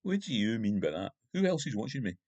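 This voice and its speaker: A man's voice: lowish voice, very animated, fast, darkish tone, slightly rough, dry recording, lo-fi sound. A man voicing a drunk, belligerent, middle-aged Glasgow gangster with a Glaswegian accent and coarse, swearing speech. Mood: furious. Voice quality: coarse, swearing, slurred by whiskey. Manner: belligerent and panicky.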